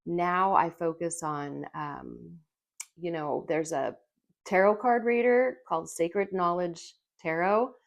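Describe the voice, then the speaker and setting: A middle-aged woman telling a personal story in a vlog, earnest and emotional, halting with fillers and repeated words. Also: fairly low pitch, gravelly. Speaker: vlogger.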